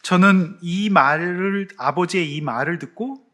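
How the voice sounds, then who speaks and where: Man, pastor, sermon, animated, swelling to loud peaks, high-ish voice. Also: measured pace.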